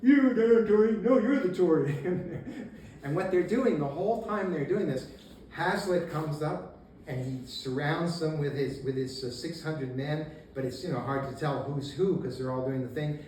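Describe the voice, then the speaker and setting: In a casual lecture before a meeting room audience, a man with a fairly high voice speaks at a normal pace, narrating local history with gusto, acting out shouts and laughing along the way. The mic is a far-off camera, leaving the recording echoey with faint noise.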